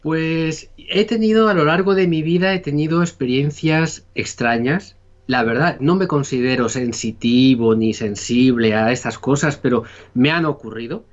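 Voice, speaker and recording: A man's voice: medium pitch, normal speed, lo-fi sound. A man from Spain with a Spanish accent, a podcast guest telling his story in a casual, rambling way full of fillers. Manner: rambling, many fillers and restarts. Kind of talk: casual conversation.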